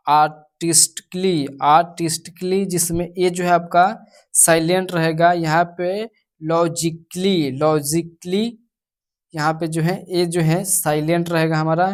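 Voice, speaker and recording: A woman with an Indian accent teaching English pronunciation, her voice sitting low for a woman. She talks slowly and deliberately, listing example words one by one and repeating them as she explains each rule. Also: a little mellow. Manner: slow, repetitive, spells out words one by one. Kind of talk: slow classroom explanation in Hindi.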